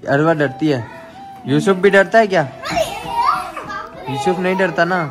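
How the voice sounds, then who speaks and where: A young man filming a casual family vlog at home, coaxing children and a pet cat in a playful, gentle way. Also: high voice, unhurried. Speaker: vlogger filming family pets. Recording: music playing under the voice.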